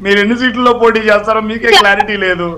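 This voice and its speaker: A man's voice: high voice, fairly even intonation, racing, bright, forceful tone. A man speaking for the ruling party in a heated TV debate, insistent, talking over the others and repeating himself.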